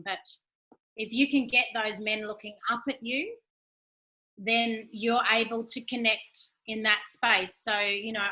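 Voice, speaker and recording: Casting note: forthright woman speaker, forties, bright and forceful tone, slightly high voice. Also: poor audio. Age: 40s. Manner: animated, frank, acts out quoted exchanges. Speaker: guest speaker. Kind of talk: candid Q&A talk.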